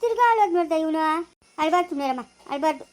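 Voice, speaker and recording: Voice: high-pitched, animated, racing, darkish tone. A girl playing a flustered village woman looking after a crying baby in a family skit. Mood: fretful. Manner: fretful, complaining.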